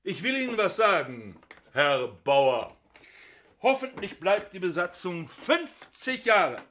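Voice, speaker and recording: A high, lively male voice, sardonic and hectoring, from an actor in the role. He lectures with scorn, his pitch swinging widely. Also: takes it slowly, exaggerated voice.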